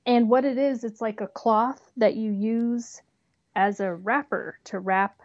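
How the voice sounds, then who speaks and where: A woman's voice: fairly high pitch, fairly even intonation, a little slow, dry recording, muffled recording. A woman chatting casually about her hobby, rambling a little and often trailing off with "so". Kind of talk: casual chat.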